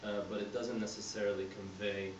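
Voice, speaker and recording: Egyptian-born guy giving a board speech, lots of uhs, low voice, echoey room, noisy. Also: flat delivery. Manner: halting, many fillers and restarts. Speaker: board candidate. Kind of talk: candidate speech to a community group. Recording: roomy hall, mic at a distance, background noise.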